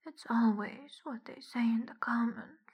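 A woman giving a whispered audio roleplay in a soft, teasing whisper as the dominant partner. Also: a little high, steady tone, a little slow, slightly rough, highs cut off.

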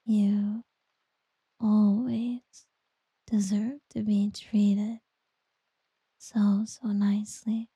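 A woman doing a whispered ASMR girlfriend roleplay, soft, teasing and doting. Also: medium pitch, little pitch movement, very slow, pauses often, husky, dry recording, rough recording.

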